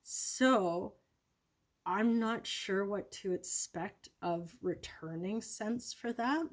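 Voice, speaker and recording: A woman's voice: lowish voice, darkish tone. A woman vlogging casually about her product predictions, rambling and correcting herself with many ums.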